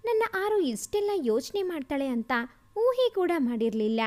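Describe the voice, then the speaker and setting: A man's voice: very high voice, normal speed. A woman reading aloud and voicing a playful, teasing young man in a storybook tale. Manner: teasing, lively.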